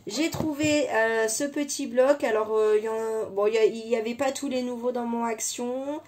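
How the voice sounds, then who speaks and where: A woman's voice: a little high, steady tone, normal speed, a little mellow. A woman in her thirties from France, chatting casually and rambling with lots of fillers and restarts in a haul vlog from her desk at home. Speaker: scrapbooking YouTuber.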